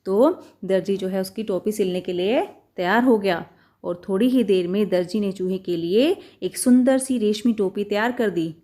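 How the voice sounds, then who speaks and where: A woman teacher reads a children's story in a mid-pitched voice. She pauses after each passage to retell it in plain, conversational words, with easy fillers and asides. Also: dark tone. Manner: reads, then retells each part in simple chatty words. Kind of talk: reading a story aloud and explaining it.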